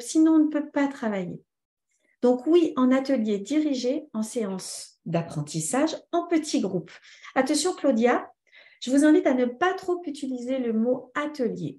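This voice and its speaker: A woman trainer giving a live online lesson, lively and answering viewers' comments by name. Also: sits high, reverberant. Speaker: teacher trainer.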